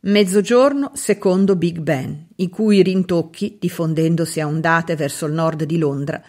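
Woman reading a novel aloud, measured. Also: on the low side. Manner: measured, expressive reading with dramatic pauses. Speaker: audiobook reader. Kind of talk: scripted literary narration.

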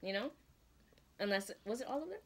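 A woman's voice: mid-range voice, big pitch swings, brisk, fairly bright tone, husky. A woman chatting casually with her sister over a meal, making dry, joking asides. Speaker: vlogger's sister. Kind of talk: casual chat during a mukbang.

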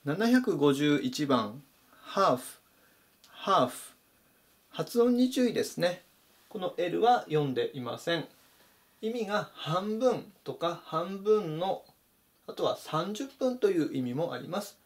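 A man's voice: sits high, big pitch swings, unhurried, a little mellow. A man teaching English vocabulary to Japanese learners, methodically explaining meanings and pointing out pronunciation.

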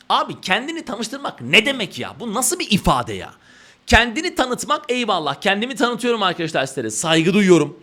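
A male tutor talks fast and high, bright and animated as he walks through exam grammar. He exclaims, fires off teasing rhetorical questions, and his pitch leaps around. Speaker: Turkish teacher. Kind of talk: exam prep lesson.

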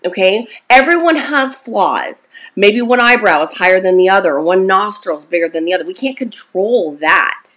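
A woman's voice: medium pitch, lively intonation, moderate pace, hardly any pauses, fairly bright tone. A woman in her forties giving a casual motivational talk to camera as a self-esteem coach, chatty and encouraging, often checking in with her listener. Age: 40s.

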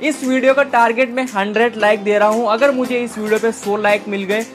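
A young man, working as a comedy vlogger, narrates a mock-serious spoof of a survival show while walking through an outdoor street market. His voice sits high with a steady tone, and he talks briskly over music.

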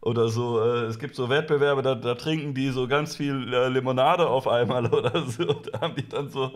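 A man's voice: mid-range voice, a little fast. A young man streaming his reaction to a talk show clip, sarcastic and swearing casually, often breaking into laughter. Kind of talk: mocking live-stream commentary.

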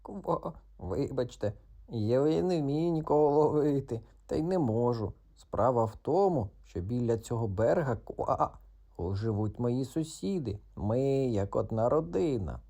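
A man voicing a cheeky, talkative little male frog who croaks between his words in a children's audiobook. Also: medium pitch, lively intonation, measured pace, mellow. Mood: pleading, panicky.

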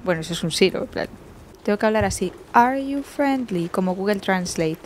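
A young woman from Spain with a Spanish accent, playing a horror game and commenting, shrieking and swearing when startled and speaking slow, loud English to the game. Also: fairly low pitch, steady tone, a little hiss or hum. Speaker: gaming streamer. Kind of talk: let's play commentary.

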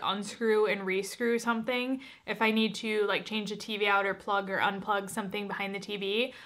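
A woman's voice: mid-range voice, fairly bright tone. A woman in her thirties talking casually to camera as a home decor vlogger, explaining things step by step in an informal, chatty way. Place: furnished living room at home, indoors.

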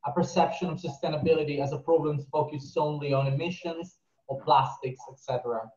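A young man moderating an online lecture, reading out an audience question in a brisk, polite way. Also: fairly high pitch, steady tone, darkish tone. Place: apartment room. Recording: roomy muffled call audio.

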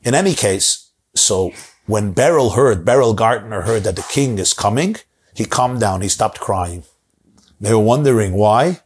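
A man's voice: on the low side, lively intonation, unhurried, breathy edge. A middle-aged man telling a story in a dramatic, repetitive way, recorded with a lapel mic in a study lined with bookshelves. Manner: dramatic, repetitive, gesturing broadly. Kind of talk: animated storytelling.

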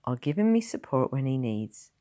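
A blunt, kindly old countryman from a storybook, talking plain rural dialect, as a woman reads him. The voice stays close to the reader's own, with lively rises and falls. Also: extremely low pitch, normal speed, dry recording. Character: gruff kind elderly countryman.

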